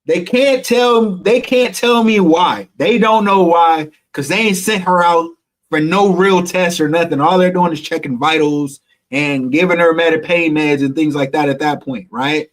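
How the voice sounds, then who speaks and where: A man's voice: a little high, steady tone, moderate pace. Emotional man telling a personal story. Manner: emotional, candid, swears freely, addresses viewers as y'all. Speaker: vlogger.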